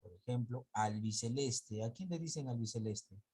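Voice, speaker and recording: A man teaching an online class, lecturing slowly and haltingly, often stopping to correct himself. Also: mid-range voice, dark tone, slightly rough.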